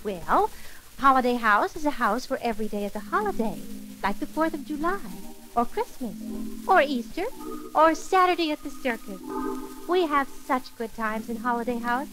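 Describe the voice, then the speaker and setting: A woman narrating a children's story for an old record in a sweet, gently theatrical way, talking kindly to a little elf. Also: high voice, expressive, normal speed, over music, poor audio. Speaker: storyteller and host.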